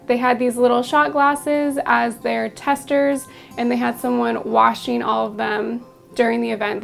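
A young woman vlogger with a raspy voice, chatting casually about her favorite products at home, with lots of ums and asides. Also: a little high. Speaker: beauty and lifestyle vlogger. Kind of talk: casual product review to camera.

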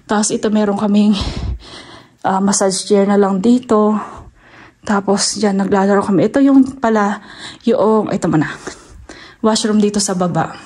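With a Filipino accent, a homeowner from the Philippines shows viewers around a large house basement and the snowy outdoors, chatting casually, halting now and then, and mixing in English. She speaks at a medium pitch in a steady, slightly mellow tone, recorded on a noisy handheld device while walking.

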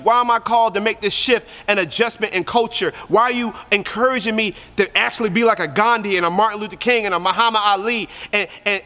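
Youth pastor, man, high and bright tone, driving sermon delivery with heavy repetition, church hall reverb. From Korea. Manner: passionate preaching, repeats phrases for emphasis.

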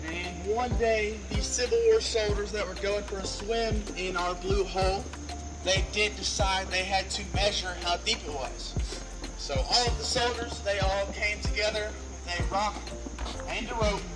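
A man's voice: high-pitched, fairly even intonation, moderate pace, rough recording. A man guiding a tour group outdoors and into a cave, telling playful stories, heard from a visitor's camera a few meters away. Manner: upbeat, playful storyteller addressing a group. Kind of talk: joking guided tour talk. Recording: background music under the voice.

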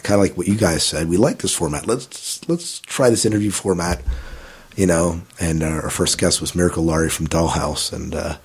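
As a guest on a podcast, a man in his thirties tells his story in a low, husky voice. His casual interview answers ramble easily, looping back with fillers and restarts.

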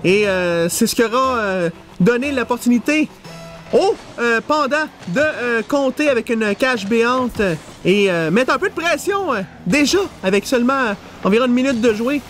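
A man's voice: very high-pitched, lively intonation, moderate pace, a bit bright. A man with a Quebec French accent analysing an esports match, piecing his phrases together hesitantly.

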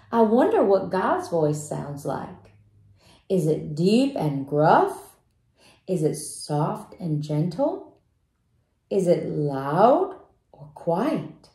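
A woman with a mid-range voice reads a children's picture book aloud slowly and gently, pausing to ask her young listeners questions. The recording has a roomy echo.

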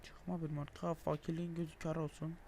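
A young man giving frustrated gameplay commentary, swearing, groaning and shouting in exasperation as he plays. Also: fairly high pitch, little pitch movement, brisk, crowd noise. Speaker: gaming video creator.

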